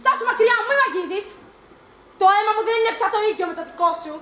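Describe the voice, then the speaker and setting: A woman's voice: very high voice, expressive, over loud music. A woman on stage playing a bitter, jealous young sister who speaks sternly and reproachfully, recorded live and echoey. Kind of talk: amateur stage acting.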